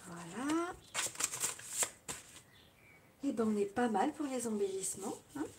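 A woman's voice: on the high side, quick pace. A woman with a French accent hosting a casual live crafting tutorial, chatting her way through each step with small asides. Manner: chatty, narrates each step with little "hop" and "voilà" asides. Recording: loud background noise with clicks.

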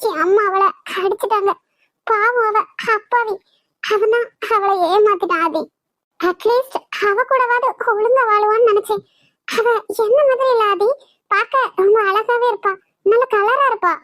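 Cartoon romance: woman playing a fretful young heroine, very high voice, dry mic, nervous asides. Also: normal speed, a bit bright, dry recording, rough recording. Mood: worried sad. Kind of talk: cartoon voice acting.

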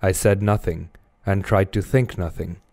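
A man reading a classic novel aloud as audiobook narration in a measured, even manner. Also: low voice. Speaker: reader.

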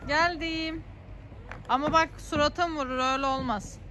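Give me a bright, high-voiced young mother, playful and coaxing, filming her child. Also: fairly even intonation, normal speed, a little hiss or hum. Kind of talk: casual chat while filming. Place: outdoor playground in a park. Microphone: handheld phone camera.

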